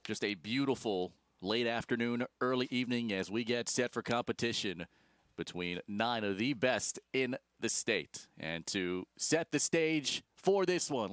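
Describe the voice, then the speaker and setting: A man's voice: mid-range voice, lively intonation, normal speed, a bit bright, dry recording, clean studio sound. Polished male live event host. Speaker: sports broadcast host.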